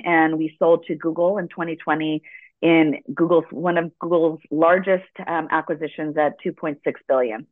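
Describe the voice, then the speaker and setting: A middle-aged woman born in the United States tells her story as a guest in a conversational interview, earnest and reflective. Her voice is on the low side, with no room sound, over a dry, tinny phone line.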